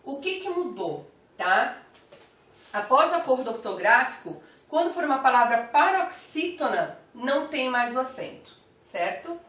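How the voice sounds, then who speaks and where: Female teacher, grammar lesson, measured and deliberate, pronounces each example word clearly; slow pace, echoey room. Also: sits high, big pitch swings, a bit bright. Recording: roomy, from some distance off the mic.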